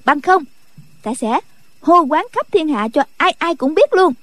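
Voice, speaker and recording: Mischievous young girl, playful and bossy, piercing high voice, dry close sound. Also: lively intonation, unhurried, fairly bright tone, no echo. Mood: teasing.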